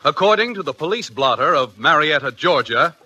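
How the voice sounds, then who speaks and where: A man's voice: on the high side, big pitch swings, fairly quick, pushed and bright, breathy edge, dull audio. A man as an announcer delivering scripted comic narration for an old-time radio show. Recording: noisy vintage radio recording.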